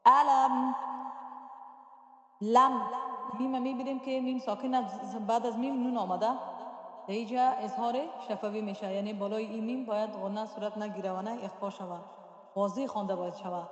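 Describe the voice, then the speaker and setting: A woman's voice: medium pitch, steady tone, dark tone. A woman gives a tajweed lesson, explaining each letter patiently and drawing out the sounds she models. Her voice rings through a roomy space, with a long reverb trailing after each phrase. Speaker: Quran recitation teacher.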